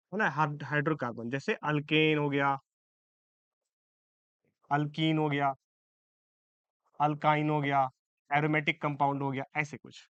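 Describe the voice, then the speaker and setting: A man teaches chemistry to exam-bound students in a Hindi-English mix; his voice is a little high, fairly bright, clear, and resonant. He often checks in with the class and catches his own errors as he goes. It's a dry, lo-fi recording.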